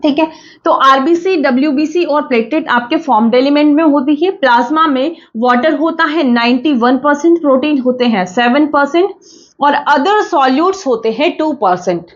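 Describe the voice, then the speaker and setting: High-voiced woman teaching a class. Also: dull audio. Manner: explains slowly, repeats points, asks and answers her own questions. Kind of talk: online exam-prep class.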